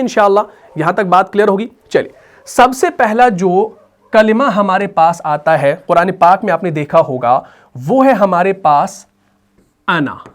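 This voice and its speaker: A man with an Urdu accent teaching Quran reading rules in a patient explanatory lesson, often checking that his students understand. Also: high voice. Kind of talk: explanatory lesson with slow chanted recitation.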